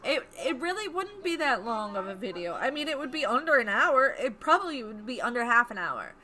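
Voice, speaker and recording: A woman co-hosting a homesteading live stream, chatting casually and excitedly, laughing often and repeating herself for emphasis. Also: fairly high pitch, fairly quick. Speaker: homesteading channel co-host.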